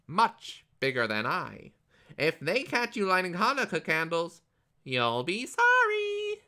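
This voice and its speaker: A squeaky, shrill little storybook goblin, his voice leaping far above a man's normal range. He quavers with fear and then blusters out warnings about bigger goblins on the way. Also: pushed and bright, full character voice. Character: tiny frightened male goblin, squeaky and whiny.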